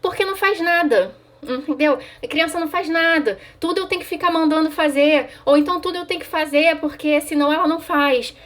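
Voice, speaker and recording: A woman's voice: high-pitched, fairly quick. A woman, a child psychologist giving parents conversational advice and often checking in with "tá?". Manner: conversational, frequent "tá?" check-ins; answers viewer questions directly.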